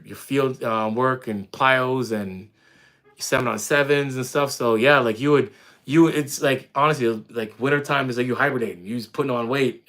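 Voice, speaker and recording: A relaxed man in his thirties from Canada, chatting live with his viewers. He talks loosely and warmly, full of "um"s and restarts as he reads questions aloud, and his voice sits at an ordinary middle pitch. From Windsor, Ontario, Canada. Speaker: fitness streamer answering chat. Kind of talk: casual live-stream chat.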